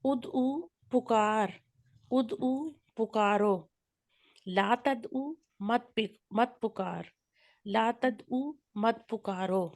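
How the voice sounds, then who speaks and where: Soft-spoken woman student reciting drills. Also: on the high side, no echo, studio quality. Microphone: video call.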